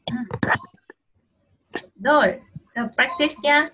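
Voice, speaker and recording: A woman teaching English online to a child, patient and encouraging, slowly modelling phrases over a video call. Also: sits high, bright, forceful tone. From Vietnam.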